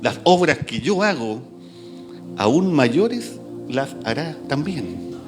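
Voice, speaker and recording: A male preacher delivers a sermon in a church, reading scripture aloud and joking with his listeners. His voice sits high and swings widely in pitch as he speaks. Soft music plays faintly behind him. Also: slow. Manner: animated, reads scripture aloud and jokes with the congregation.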